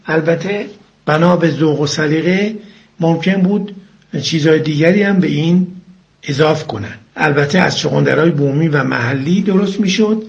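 A man from Iran with a gravelly, slightly high voice talks steadily through a topic, listing things one by one. The audio is dull and lo-fi, like a phone line. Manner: steady explanatory, slow careful listing. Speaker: caller sharing local food lore. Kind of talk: informative talk over a phone line.

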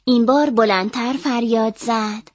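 A woman calmly and expressively reading a children's story aloud. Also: a little high, no room sound, clean studio sound.

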